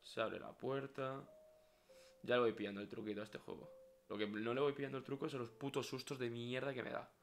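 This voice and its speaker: A man's voice: mid-range voice, fairly even intonation, a little fast, a little hiss or hum. Spanish guy streaming a horror game, jumpy, cursing a lot, mutters and whispers to himself. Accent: Spain Spanish. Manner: jumpy, swears, talks to himself, drops to whispers. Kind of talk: live horror game commentary.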